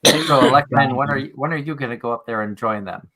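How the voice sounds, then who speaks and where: A man's voice: mid-range voice, fast talker, a crowd in the background, poor audio. A man hosting a live stream in casual chat, reading out comments from viewers. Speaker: stream show host.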